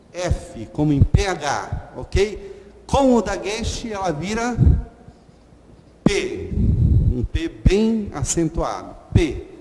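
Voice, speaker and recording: A man teaching a lesson slowly and patiently, repeating sounds and checking in with "ok?". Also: high-pitched, a little mellow. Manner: slow, patient, repeats letter sounds, frequent "ok?". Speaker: Hebrew teacher. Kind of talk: online lesson at a whiteboard. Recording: long reverb and faint noise.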